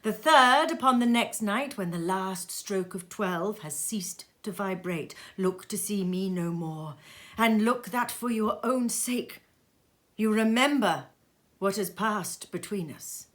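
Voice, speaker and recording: A woman's voice: medium pitch, takes it slowly, fairly bright tone. A woman voicing a solemn male ghost in a storybook reading, giving a grave warning with portentous, emphatic delivery.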